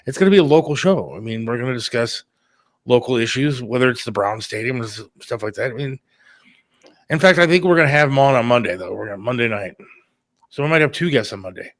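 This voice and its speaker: A radio producer and talk show host chats casually about an upcoming radio show in a plain-spoken, conversational way. His mid-range voice is fast, slightly bright, lively in intonation, and free of echo.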